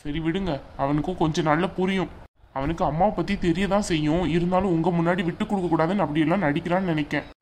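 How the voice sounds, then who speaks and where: Cartoon role: easygoing young man, lowish voice, voiced by a woman. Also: fairly even intonation, fast, a little mellow, a little hiss or hum, natural voice. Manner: reassuring, easygoing. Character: young man, calm, soothing fiancé. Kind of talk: cartoon voice acting.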